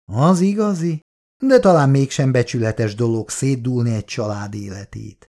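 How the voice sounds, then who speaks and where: A man's voice: mid-range voice, lively intonation, mellow, natural voice. A reader voicing Laci, a troubled young man unsure about his love, in a storybook reading. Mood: brooding.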